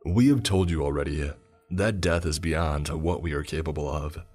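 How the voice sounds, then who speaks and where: A man voicing a many-mouthed alien tree being in a slow, calm, ethereal and distant voice, in a horror story. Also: rumbling low, soft background music. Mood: lofty.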